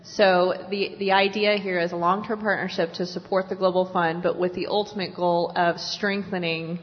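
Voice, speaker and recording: A woman answering a question at a panel discussion, explaining her points in a measured way with occasional fillers. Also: on the low side, flat delivery. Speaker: partner organization spokesperson. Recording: reverberant hall, dull lo-fi sound.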